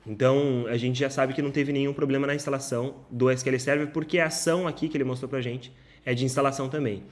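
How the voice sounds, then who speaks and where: A man's voice: medium pitch, steady tone, fast talker. A man giving a casual screen-share tech tutorial, with many filler sounds and self-corrections. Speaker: instructor.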